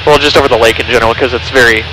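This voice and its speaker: A man's voice: mid-range voice, fairly even intonation, racing. A young man as a pilot over the radio and headset intercom, chatting and making calls from a small plane cockpit. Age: young adult. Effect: aviation headset intercom. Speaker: pilot giving a scenic flight. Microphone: aviation headset boom mic. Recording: cockpit headset audio, engine noise.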